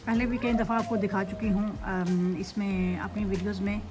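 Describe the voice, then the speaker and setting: A woman from Pakistan vlogging casually about rain, talking slowly and thoughtfully with many fillers, filming on a phone from her back door. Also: mid-range voice, flat delivery. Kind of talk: casual vlog chat, switching between English and Urdu. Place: at an open back door of a house, looking onto a garden. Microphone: phone camera held in hand.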